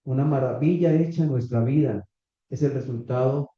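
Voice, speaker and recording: A man preaching a sermon to a congregation, reading scripture slowly and asking the listeners questions. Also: mid-range voice. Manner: slow, deliberate preaching with rhetorical questions to the congregation. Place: small church meeting room. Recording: echoey, slightly dull church recording.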